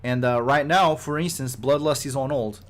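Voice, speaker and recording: A man's voice: mid-range voice, moderate pace. A man who develops games, giving a casual podcast update, rambling with many fillers and restarts and sounding exasperated at rumors. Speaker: game studio developer.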